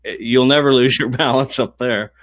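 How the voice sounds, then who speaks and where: A man's voice: mid-range voice, steady tone, moderate pace, a bit bright, no echo. A man co-hosting a racetrack show in casual chat, teasing his partner with brief dry remarks. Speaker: racetrack co-host.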